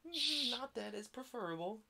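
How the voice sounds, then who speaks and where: A woman's voice: a little high, lively intonation, normal speed, vocal fry, bright, forceful tone. A woman playing a tabletop role-playing game, chatting casually in a hesitant, self-deprecating way.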